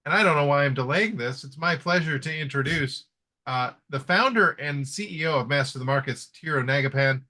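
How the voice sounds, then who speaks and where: Man, webinar host, casual live chat, bright tone, filler-heavy. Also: a little high, brisk. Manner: friendly, filler-heavy with restarts.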